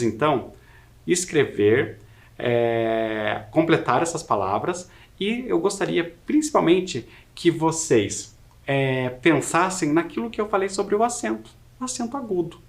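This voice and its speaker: A man with a Brazilian Portuguese accent teaching an adult-education Portuguese lesson, repeating words slowly to model pronunciation. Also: fairly high pitch. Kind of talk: recorded video lesson.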